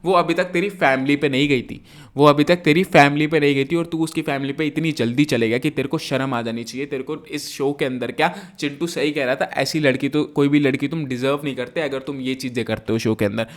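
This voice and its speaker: A man's voice: medium pitch, steady tone, brisk. A man giving a heated, indignant review of a reality show episode, dropping English phrases into his talk. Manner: mixes English phrases into Hindi. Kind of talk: casual review commentary.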